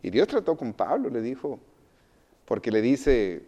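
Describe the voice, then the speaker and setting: A man preaching a sermon in a middle-pitched voice. He keeps asking the congregation questions and answering them himself. His delivery swings from loud, emphatic phrases to quiet, low asides. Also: very animated, unhurried, highs cut off. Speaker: pastor.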